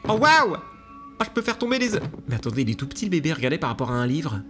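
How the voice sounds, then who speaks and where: A man commentating a video game to his viewers, excitable and laughing often, with hiccups. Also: fairly high pitch, very fast, soft background music. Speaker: gaming YouTuber. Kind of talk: let's play commentary.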